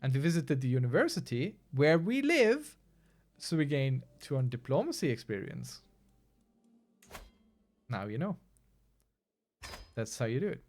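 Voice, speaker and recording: A man's voice: mid-range voice, big pitch swings, measured pace, pauses often, a little mellow. Chatty man streaming a strategy game. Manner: chatty, wry, answers chat as he plays. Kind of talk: casual gameplay commentary.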